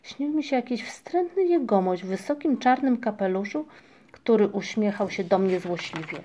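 A woman voicing a lively, curious young female moomin creature in a storybook reading, speaking in a chirpy way. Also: medium pitch, moderate pace, close to an everyday voice. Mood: uneasy. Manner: bright and chirpy.

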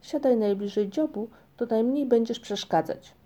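A woman's voice: fairly high pitch, moderate pace, warm tone, voice pushed up, lightly acted. A woman voicing a bossy, self-important little male creature with a sarcastic, commanding manner, read as an audiobook. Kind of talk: audiobook reading.

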